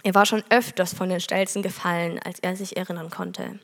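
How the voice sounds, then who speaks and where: A woman's voice: on the low side, flat delivery, brisk, a bit bright, big-room sound. A woman preaching a sermon, telling a parable earnestly and reading scripture aloud.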